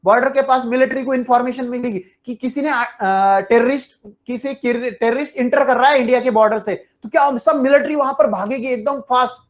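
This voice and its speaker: A woman's voice: on the high side, fairly quick, hardly any pauses. A woman teaching a biology lecture to exam students, asking questions and answering them herself, and chuckling now and then. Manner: chuckles while explaining. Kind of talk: online exam-prep lecture.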